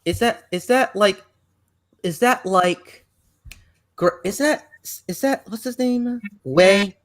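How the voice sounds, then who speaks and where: A man hosting a laid-back online podcast with friends. His voice sits slightly high for a man. He rambles and restarts, stacking "like" and "is that" as he hunts for words. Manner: rambling, halting, heavy on "like" restarts. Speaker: podcast host. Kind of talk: casual online podcast chat.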